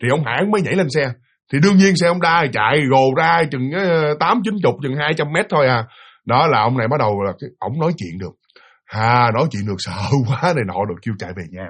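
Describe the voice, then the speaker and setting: A man's voice: medium pitch, lively intonation, fast talker, fairly bright tone. A man telling a spooky story, acting out the voices of the people in it.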